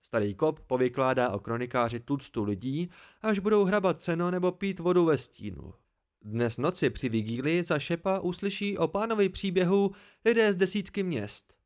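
A man's voice: on the high side, animated, pitched above the performer's own voice. A man voicing a brooding male innkeeper who talks in a stern, emphatic way. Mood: scornful. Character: grim, brooding male innkeeper, firm and lecturing.

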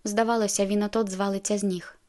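A woman's voice: medium pitch, flat delivery, quick pace, a little mellow. Woman reading a novel aloud. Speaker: audiobook narrator. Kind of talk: first-person novel narration.

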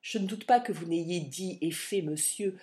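A woman's voice: on the low side, moderate pace, mellow, lightly acted. A woman reading a scornful young lord. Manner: contemptuous, disdainful.

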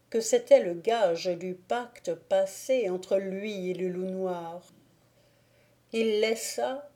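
A woman reading a classic novel aloud as a volunteer audiobook narrator, in a calm, measured way. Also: fairly low pitch.

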